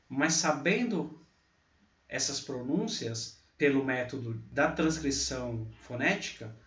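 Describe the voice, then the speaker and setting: A man teaching a pronunciation lesson, slowly repeating example words out loud. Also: medium pitch. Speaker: English teacher. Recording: echoey, distant, dull mic.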